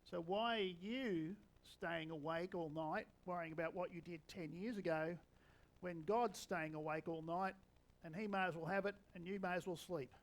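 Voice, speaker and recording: A preacher in his sixties with a notably high voice delivers his sermon. He talks to the congregation in a relaxed, conversational way, slipping in dry bits of humour. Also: normal speed, rough recording. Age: 60s.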